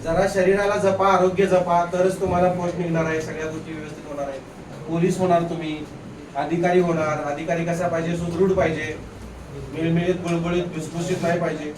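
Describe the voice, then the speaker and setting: High-voiced man teaching grammar in class. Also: flat delivery, a little fast, echoey room, recorded from a distance, crowd noise, low-quality recording. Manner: repeats questions to the class, coaxing and explaining. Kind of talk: classroom lecture.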